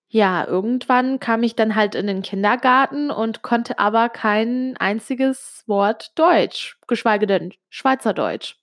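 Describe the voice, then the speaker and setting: A young Swiss vlogger whose first language is Italian speaks German with only a slight Swiss accent, her voice mid-range. She tells a personal story in a casual, confiding way, addressing the listener directly and dropping in many small fillers.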